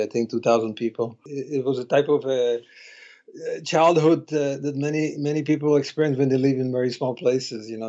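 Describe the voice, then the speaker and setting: A man in his sixties from Slovakia speaks as a podcast guest at a middle pitch. He tells his story slowly and reflectively. The remote audio sounds slightly muffled and lo-fi. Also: a little mellow. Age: 60s. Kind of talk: casual interview conversation.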